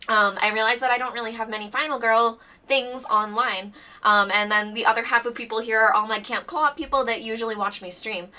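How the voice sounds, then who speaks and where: A woman chatting excitedly on a board game live stream, bubbly and rambling, a little out of breath. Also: on the high side, fairly quick, distant mic. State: a bit out of breath. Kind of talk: casual live-stream chat.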